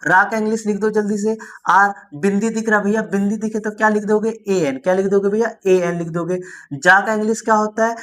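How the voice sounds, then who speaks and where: A man's voice: high voice, steady tone, brisk, fairly bright tone. A man teaching a beginners' spelling lesson, encouraging his students and asking questions that he answers himself. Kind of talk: spoken lesson.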